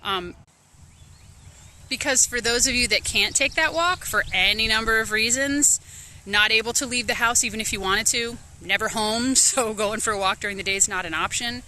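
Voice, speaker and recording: A woman's voice: a little high, moderate pace, sharp tone, a little hiss or hum. A woman life coach talking casually and candidly to her followers, swearing freely and acting out her own thoughts. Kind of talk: casual social media talk.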